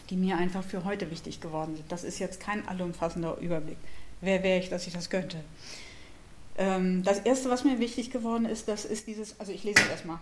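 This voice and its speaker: A woman's voice: medium pitch, darkish tone. A middle-aged woman preaching on a Bible verse in a personal, conversational way, with many fillers and restarts. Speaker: lay preacher. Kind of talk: devotional talk on a Bible verse. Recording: echoey room.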